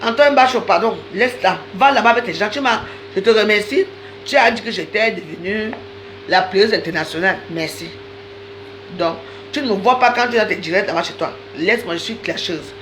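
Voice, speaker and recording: Talking straight to her viewers, a woman delivers an angry, accusatory live-stream rant, insistently repeating phrases to drive her point home. Her mid-range voice is brisk and fairly bright, captured in a rough recording with slight background noise.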